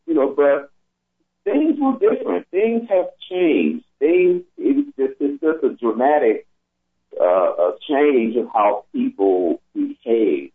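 A man's voice: medium pitch, lively intonation, takes it slowly, husky. A middle-aged man, a therapist on a talk broadcast, speaking hesitantly and often repeating his words. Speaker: therapist guest. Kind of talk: casual conversation. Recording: tinny phone line.

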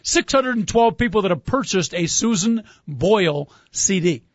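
A man's voice: high-pitched, expressive, moderate pace, no echo, dull audio. A man hosting a sports talk show with wry, joking banter.

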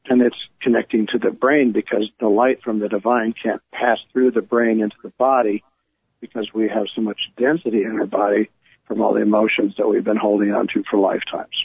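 A man's voice: on the low side, flat delivery, a little fast, creaky, breathy edge, no echo. A man leading a guided meditation, explaining it informally in short, repetitive, soothing instructions. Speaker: guest energy healer leading a guided relaxation. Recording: thin, phone-like narrow-band sound.

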